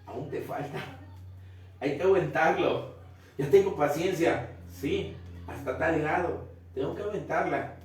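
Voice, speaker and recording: A man's voice: fairly high pitch, measured pace, pauses often, recorded from a distance. A man preaching a family Bible study sermon, earnestly repeating phrases and putting questions to his listeners. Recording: very echoey room, voice from off the mic.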